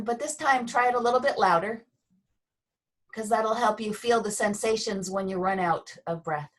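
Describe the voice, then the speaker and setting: Soft-spoken woman teacher leading a movement class on a video call, kinda high voice, bit far from the mic. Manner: gentle, unhurried, with pauses and fillers. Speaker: Feldenkrais teacher. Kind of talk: guided movement lesson over video call.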